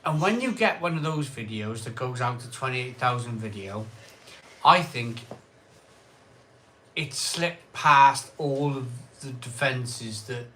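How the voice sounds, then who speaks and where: A man's voice: mid-range voice, animated, takes it slowly, sharp tone, slight background noise. A man hosting a live beer review stream, chatting casually and rambling with restarts. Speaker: host of a beer review channel.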